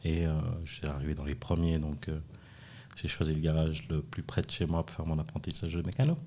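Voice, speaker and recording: An extremely low, steady, slightly mellow voice, a bit fast, comes through over slight background noise. It belongs to a middle-aged dance school founder, Chilean by birth and Swiss-raised from age five, chatting jokingly and self-deprecatingly as a podcast guest.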